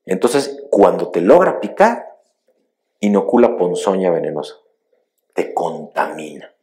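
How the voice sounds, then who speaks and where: A middle-aged man, a pastor, preaching a sermon with emphatic storytelling that swings between loud rises and quiet drops. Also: sits low, big pitch swings, measured pace.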